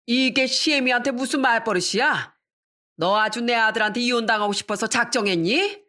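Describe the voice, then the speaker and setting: A woman voicing an outraged older mother-in-law with a shrill, scolding manner. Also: moderate pace, sharp tone.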